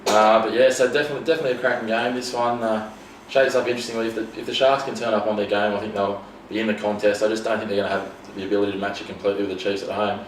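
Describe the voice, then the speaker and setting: A man's voice: lowish voice, fairly even intonation. A man hosting a casual sports chat, laid-back and fond of saying mate. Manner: quick, laid-back, says mate a lot. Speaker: sports podcast host. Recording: roomy, distant mic, faint noise.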